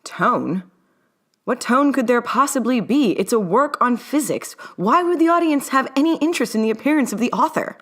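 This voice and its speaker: Reading her fan fiction like an audiobook, this author uses an old-timey mid-Atlantic accent with an English lean. She pitches fairly high, a bit bright, with lively intonation at a moderate pace.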